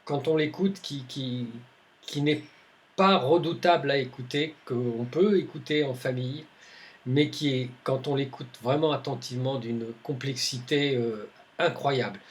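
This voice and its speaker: A man's voice: mid-range voice, unhurried, a little hiss or hum. Hesitant man chatting about records. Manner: hesitant, many fillers and restarts, tags phrases with "hein". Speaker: music collector presenting albums. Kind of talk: casual spoken album review.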